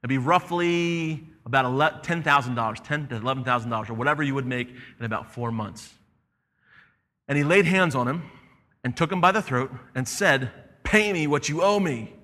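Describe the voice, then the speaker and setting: Bright-voiced preacher in a reverberant hall. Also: male voice, medium pitch, brisk. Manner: animated preaching, acts out the story's voices. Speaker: pastor. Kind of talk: sermon.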